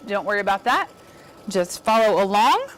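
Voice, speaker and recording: A woman's voice: medium pitch, very animated, moderate pace, slight background noise. A woman giving an upbeat, chatty embroidery demonstration, encouraging viewers as she works. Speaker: embroidery instructor. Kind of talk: casual demonstration.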